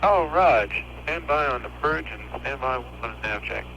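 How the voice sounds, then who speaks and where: A man calls down from orbit in short, by-the-book radio phrases. His voice comes through a crackly, breaking-up space radio link buried in loud static. The sound is dull and lo-fi, like an old archival transmission. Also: medium pitch, animated, moderate pace, gravelly. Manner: clipped procedural radio talk. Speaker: astronaut. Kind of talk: mission radio exchange.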